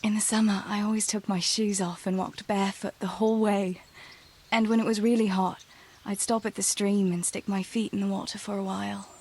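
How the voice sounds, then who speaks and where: Theresa, a teasing young village sweetheart. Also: female voice, mid-range voice, little pitch movement, fairly quick, a little mellow, breathy edge. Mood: fondly nostalgic. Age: young adult.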